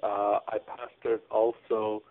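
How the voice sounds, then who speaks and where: A man from Iran who serves as a pastor talks slowly and a little low, feeling his way through answers with frequent pauses and restarts. The sound is narrow and phone-like, as if heard over a radio call-in. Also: level tone. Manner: halting, many fillers and restarts. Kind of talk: radio interview, answering questions.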